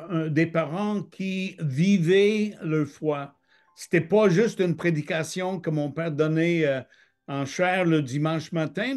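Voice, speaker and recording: In a testimony interview conducted by video call, a middle-aged guest from Michigan, United States, narrates his life in French. He sounds a little high and a little mellow, and his speech is hesitant and full of fillers.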